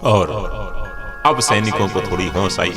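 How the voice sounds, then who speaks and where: A man's voice: low voice, a little slow, music in the background. A man preaching as a swami, telling a dramatic religious story, acting out its characters, and chanting Sanskrit verses. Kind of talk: sermon storytelling.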